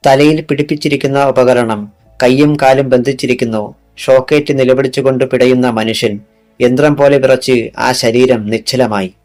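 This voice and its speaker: A man narrates an audiobook in steady scripted storytelling. His voice sits in a middle pitch. Quiet music plays behind him.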